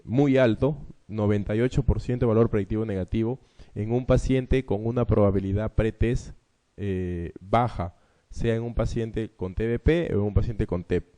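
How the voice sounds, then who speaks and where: A man with a Peruvian Spanish accent teaching an exam review class. His voice sits low and dark, and he works through each question patiently, often closing a point with a quick "¿no?". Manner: explanatory, frequent rhetorical "¿no?" tags. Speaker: medical lecturer.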